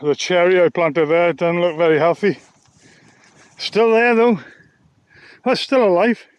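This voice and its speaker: A man's voice: high voice, a little slow, smooth, dry recording. A man talking candidly while walking outdoors on a nature reserve, a little out of breath from the walk. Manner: rambling, candid, downbeat. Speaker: sound therapist vlogger. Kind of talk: walk-and-talk vlog. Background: faint outdoor ambience.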